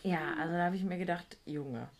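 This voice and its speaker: A woman's voice: on the low side, a little fast. Woman telling work stories casually, care worker, blunt, swears a lot, acts out who said what. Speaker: guest recounting a work trip; care worker with a residential group. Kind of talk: casual storytelling chat.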